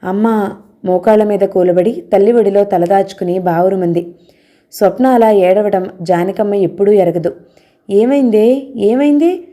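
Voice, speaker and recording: A woman reads a romance novel aloud as its narrator. Her delivery is steady and measured, and her tone is mellow at a middle pitch. Every line is plainly told.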